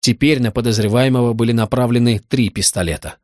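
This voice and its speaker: Male audiobook narrator, mid pitch, dry close studio sound, steady. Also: brisk, no echo. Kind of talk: scripted narration.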